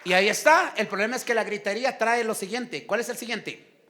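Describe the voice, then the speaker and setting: A middle-aged man with a Guatemalan accent preaching a sermon, lively, acting out shouting people. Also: high voice, a little fast, some chatter behind, a little hiss or hum. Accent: Guatemalan Spanish. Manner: animated preaching, acts out quarrels in shouted voices. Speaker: pastor.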